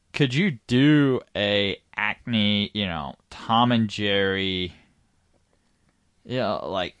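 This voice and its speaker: A man's voice: on the low side, a bit bright, no echo. A man co-hosting a podcast, talking in a loose, rambling, casual way. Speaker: podcast co-host. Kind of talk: casual chat.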